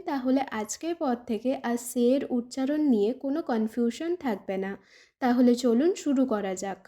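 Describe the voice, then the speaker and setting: A woman's voice: sits high, dark tone. A woman teaching a pronunciation lesson in Bengali, patiently saying each example word twice. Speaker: language teacher. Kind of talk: slow scripted pronunciation lesson.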